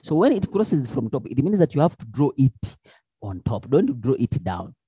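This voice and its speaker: A man's voice: mid-range voice, normal speed, breathy edge, no room sound. A man teaching a lesson, asking questions and answering them himself, with many restarts. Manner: lively, with many restarts and fillers. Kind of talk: explanatory lesson.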